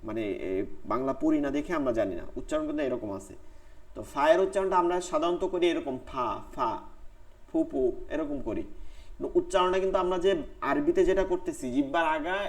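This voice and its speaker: A man's voice: a little high, quick pace. A man teaching Quran recitation in an online class, drilling letter sounds syllable by syllable.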